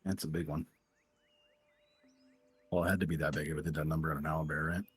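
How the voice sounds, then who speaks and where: A man's voice: a bass voice, steady tone, fairly quick, breathy edge, dry recording, soft background music. A man playing a tabletop role-playing game, talking casually with the group as a player.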